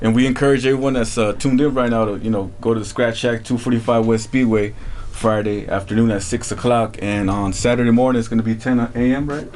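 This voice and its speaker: A man's voice: medium pitch, steady tone, brisk, few pauses, a little mellow, slight background noise. A man hosting a hip hop radio show, upbeat and casual, calling guests "man". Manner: upbeat, says "man" a lot. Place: radio studio.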